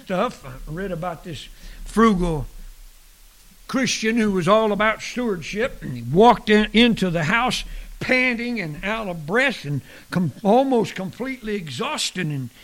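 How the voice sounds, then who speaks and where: A man preaching a sermon, expressive, dropping at times to a hushed near-whisper and chuckling at his own jokes. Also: high-pitched, unhurried. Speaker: pastor.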